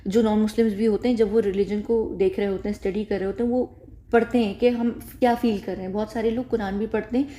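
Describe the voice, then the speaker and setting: A woman's voice: medium pitch, fairly even intonation, quick pace, warm tone. A woman talking casually to her viewers in a rambling way, repeating phrases and correcting herself as she goes. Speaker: YouTube commentator. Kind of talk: casual spoken commentary to camera.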